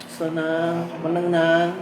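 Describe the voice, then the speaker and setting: A man with a Javanese accent leads a religious text study in a somewhat high voice, reciting Arabic lines and then explaining them in lively local speech. He sounds far from the mic in a roomy, echoing space with steady background noise. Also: slow pace. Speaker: religious teacher. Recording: echoey room, heard from a distance with background noise.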